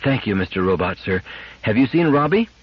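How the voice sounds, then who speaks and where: A man's voice: lowish voice, big pitch swings, fairly quick, breathy edge, lo-fi sound. A man voicing a small, determined girl in a storybook, childlike, very polite and earnest. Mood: timid, polite. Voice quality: treble, childlike.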